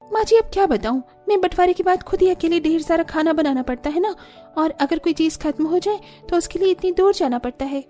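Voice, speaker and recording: A woman's voice: very high-pitched, a little fast, mellow, soft background music. A woman voicing a young daughter-in-law who complains about cooking alone in a cartoon story. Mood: grumbling.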